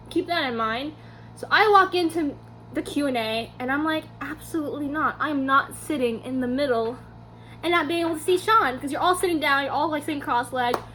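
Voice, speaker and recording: A young woman vlogger telling a story to camera in a casual, animated way, acting out her own quotes. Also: sits high, slight background noise.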